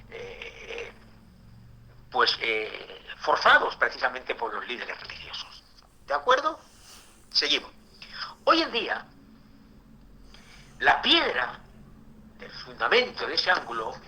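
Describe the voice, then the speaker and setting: Emphatic preaching pastor, bright lively voice. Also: male voice, a little high, rough recording. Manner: emphatic preaching, swings from loud to hushed. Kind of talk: Bible school sermon.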